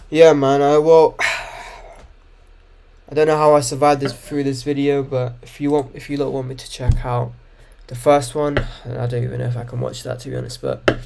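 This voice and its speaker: A man's voice: medium pitch, gravelly, a little hiss or hum. Young man mocking a cringe video. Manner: mocking, loud bursts of disbelief. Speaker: reaction video host. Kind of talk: casual reaction commentary.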